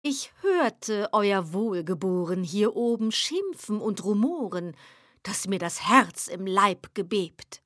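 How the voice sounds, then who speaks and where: A woman voicing a courteous, sly male devil who speaks in soft, low, purring politeness in a recited poem. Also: lively intonation, takes it slowly, dry recording, clean studio sound. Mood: sly courtesy.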